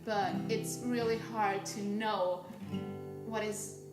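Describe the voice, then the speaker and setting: A woman's voice: medium pitch, steady tone, slow. A woman from Mexico, a playwright and actor, speaking thoughtfully in a documentary interview. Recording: roomy with guitar music. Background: guitar music.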